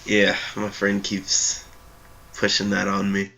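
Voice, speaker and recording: Slow, gravelly, husky man. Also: lowish voice, monotone, sharp tone, a little hiss or hum, low-quality recording. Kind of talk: casual group chat.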